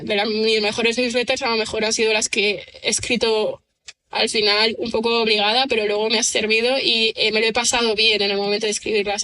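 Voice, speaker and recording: A bright-voiced woman, a guest writer and screenwriter, muses aloud in a conversational podcast interview. She's thoughtful and rambling, leaning on fillers and tag questions. Her voice is a little high, and the audio is poor.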